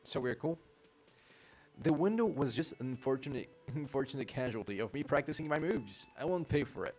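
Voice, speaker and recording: A man's voice: medium pitch, expressive, a little fast, darkish tone, soft background music. A man streaming a video game, playfully reading narration and dialogue aloud. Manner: playful, laughs often, reads lines aloud.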